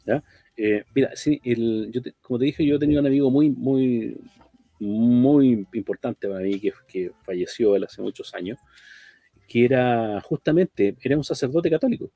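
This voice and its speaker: A man's voice: medium pitch, dark tone, no echo. A man co-hosting a talk program, speaking reflectively and often ending phrases with a questioning tag. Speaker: radio program co-host.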